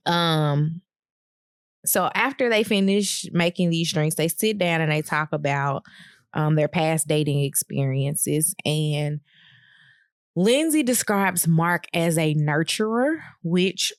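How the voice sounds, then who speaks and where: A woman co-hosting a podcast, recapping a reality TV episode in casual chat, laughing often and filling pauses with "um.". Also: low voice, no echo, clean studio sound. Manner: laughs often, many ums, relaxed storytelling. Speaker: podcast co-host.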